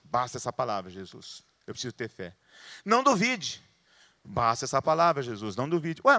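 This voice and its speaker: Brazilian pastor guy, middle-aged, high voice, preaching hard w lots of questions to the crowd, dry sound. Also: fairly bright tone, no echo. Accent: Brazilian Portuguese. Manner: emphatic preaching with rhetorical questions. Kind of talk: sermon. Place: church in Londrina, Brazil.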